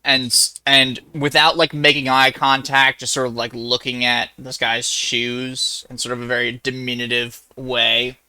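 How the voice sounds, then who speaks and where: Brief: male player, bright crisp voice, dry sound. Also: medium pitch, little pitch movement, a little slow, few pauses, dry recording. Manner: thoughtful, describing his character's actions. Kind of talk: casual tabletop game chat.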